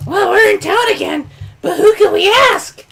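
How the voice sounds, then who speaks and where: A man voicing an excitable, childish boy hero from a video game. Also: extremely high pitch, moderate pace, gravelly, voice pushed up, exaggerated voice. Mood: excited.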